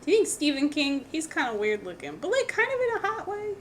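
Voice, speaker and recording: A woman co-hosts a podcast in easy, casual chat, with a slightly high voice. She is blunt and swears freely, dropping dry, sarcastic asides. A faint hiss sits under the recording. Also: very animated, brisk. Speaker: podcast co-host.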